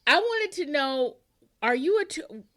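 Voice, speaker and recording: Chatty, easygoing woman host; slow, laid-back pacing with frequent laughs. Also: high voice, big pitch swings, a bit bright. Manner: chatty, rambling, laughs often. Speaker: podcast host. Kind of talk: casual interview chat.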